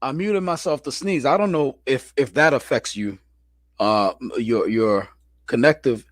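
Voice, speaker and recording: A man's voice: mid-range voice, measured pace, no echo, studio quality. A man hosting a casual call-in chat, talking in a laid-back, slangy way with frequent restarts. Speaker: show host.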